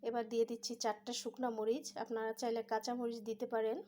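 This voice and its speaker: Calm woman narrating home cooking. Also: on the high side, quick pace, slight background noise. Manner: calm step-by-step instructions. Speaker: cooking channel host.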